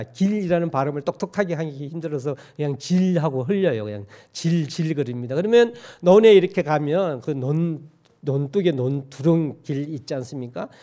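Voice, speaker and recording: A man's voice: on the high side, warm tone. Folksy man preaching a sermon. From Gyeongsang region, Korea. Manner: folksy, joking asides, asks the congregation questions. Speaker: pastor. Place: church sanctuary.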